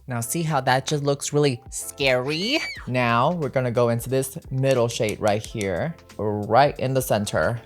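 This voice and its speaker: A drag queen with a sassy, playful, emphatic way of talking, giving a casual makeup tutorial to viewers. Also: medium pitch. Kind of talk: casual get-ready-with-me makeup chat. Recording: music behind the voice. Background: music.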